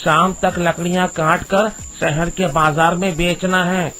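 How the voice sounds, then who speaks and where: A man's voice: sits high, little pitch movement, measured pace, pushed and bright. A man voicing an impatient, dismissive village woodcutter in a cartoon story. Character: hurried, dismissive male woodcutter.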